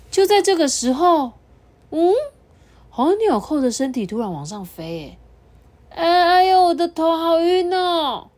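A woman reading a children's story aloud, animated and chatty, talking with a child listening beside her. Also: on the low side.

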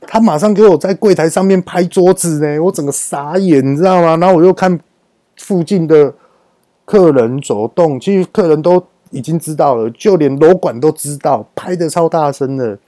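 A man tells a story from running his business, his voice warm and mellow. He recorded it in a dry, deadened space. He acts out the quoted back-and-forth in his story with plenty of life. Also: on the high side, normal speed, dry recording. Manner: lively retelling that acts out quoted dialogue. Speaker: business owner. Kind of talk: personal storytelling.

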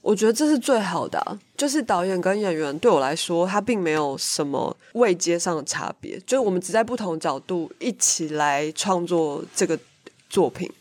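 A woman's voice: on the low side, expressive, moderate pace, a little mellow. A woman with a Taiwanese Mandarin accent, hosting a casual conversational podcast. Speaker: podcast host. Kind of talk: casual chat.

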